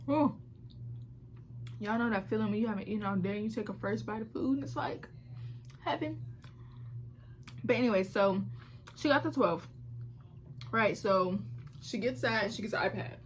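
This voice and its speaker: A woman's voice: mid-range voice, steady tone, quick pace, slight background noise. A woman in her twenties chatting casually to camera in a home vlog, talking freely with lots of fillers and playful exclamations, recorded on a phone camera. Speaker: vlogger. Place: at home, indoors.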